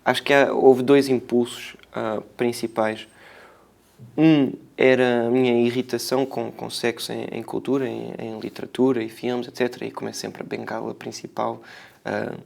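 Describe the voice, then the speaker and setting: Creaky-voiced Portuguese man, thoughtful and halting. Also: mid-range voice, flat delivery, a little mellow. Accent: European Portuguese. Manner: hesitant, reflective, searching for words, frequent tag questions. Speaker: filmmaker being interviewed. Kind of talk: spontaneous interview answers.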